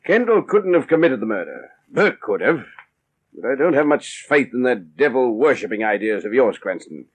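An actor playing a blustery, skeptical police commissioner in a vintage radio drama, blunt and excitable. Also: male voice, medium pitch, normal speed, breathy edge. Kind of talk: 1940s radio acting.

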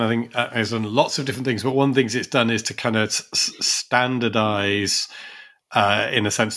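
A man's voice: on the low side, fairly bright tone. Male co-host, conversational and reflective, circles back often. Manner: thoughtful, many restarts and asides. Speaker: podcast co-host. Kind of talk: conversational policy discussion.

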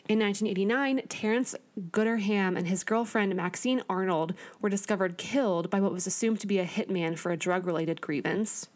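A woman with a mid-range voice speaks fairly quickly as she co-hosts a podcast. She reads through her researched notes in a casual, earnest way, with small stumbles and asides along the way.

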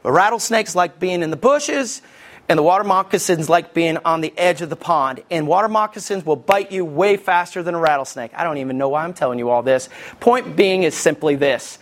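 A man, preaching a sermon as lead pastor from Alabama with folksy, animated storytelling. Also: on the high side, brisk.

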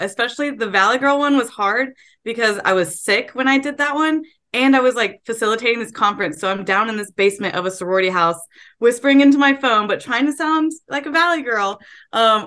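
Bright-voiced young woman, upbeat guest. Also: on the high side. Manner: upbeat, chatty. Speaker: guest voice actor. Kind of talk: casual interview chat.

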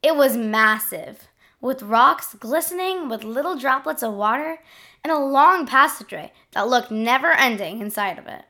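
A woman narrating a scripted first-person adventure story in an expressive diary-like manner. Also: high-pitched, moderate pace.

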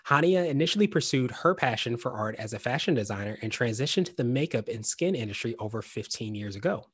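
Fast-talking upbeat podcast host man. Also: medium pitch, animated, slightly rough. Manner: upbeat, repeats "awesome" and restarts phrases. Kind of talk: podcast interview.

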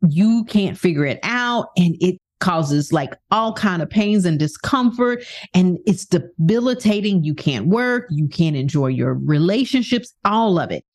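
This woman's motivational monologue comes in a lowish, slightly mellow voice that's animated yet measured. As a self-help speaker, she drives her points home emphatically with rhetorical questions.

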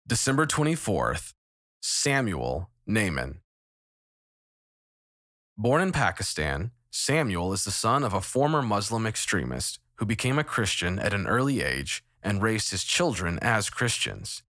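A man narrating a scripted devotional story in a measured storytelling manner, recorded as a studio voice-over. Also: fairly low pitch, no room sound. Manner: measured storytelling with lively intonation. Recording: narration over clear background music.

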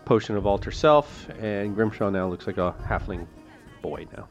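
A man's voice: on the low side, normal speed, muffled recording. A man casually narrating a tabletop fantasy game as its game master. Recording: music behind the voice.

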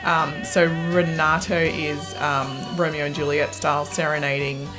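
A woman hosts a podcast in a chatty, laughing way, her voice sitting a little low. Faint music plays behind her. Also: flat delivery, moderate pace. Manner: chatty, laughing often, filler-heavy. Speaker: podcast host. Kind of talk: podcast chat.

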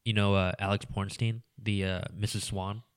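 A man's voice: on the low side, flat delivery, normal speed, clear, resonant tone, no room sound, clean studio sound. A man talking as a guest on a casual podcast, rambling with many "you know"s and trailing into mumbles.

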